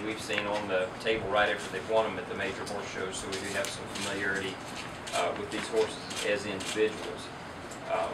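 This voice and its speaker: A middle-aged man, an auction company owner, giving a businesslike statement at an indoor press event, picked up from a distance. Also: fairly low pitch. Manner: businesslike, steady explaining. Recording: roomy, distant, loud air-conditioning hum.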